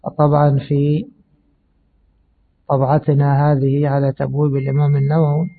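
A man's voice: on the high side, completely flat delivery. Man teaching in a tinny recording. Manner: measured, explanatory, pauses with fillers. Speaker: hadith teacher. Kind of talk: religious lesson. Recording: tinny phone-like audio.

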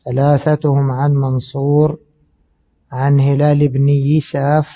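A man giving a measured religious lesson on hadith, explaining slowly and pausing with fillers. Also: fairly high pitch, level tone, vocal fry. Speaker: hadith teacher. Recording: tinny phone-like audio.

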